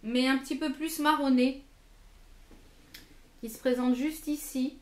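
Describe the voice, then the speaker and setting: A woman's voice: high voice, steady tone, measured pace, darkish tone, roomy sound. A French woman reviewing lipsticks in her own vlog, hesitant and full of fillers and repeated words. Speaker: beauty vlogger. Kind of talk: product review.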